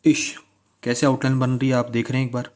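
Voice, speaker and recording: A man's voice: medium pitch, completely flat delivery, racing, darkish tone. A man teaching shorthand strokes, repeating key words and asking listeners to pronounce along. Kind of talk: classroom-style tutorial.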